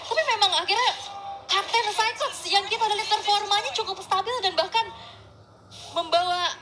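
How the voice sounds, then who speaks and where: An Indonesian woman with a high voice gives live esports commentary. She has the excited manner of a fighting game announcer, with clear game noise behind her. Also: normal speed.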